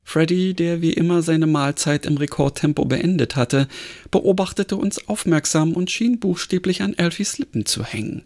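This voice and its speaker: A man, a podcast host, reading a crime story aloud with expressive storytelling. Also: fairly high pitch, moderate pace.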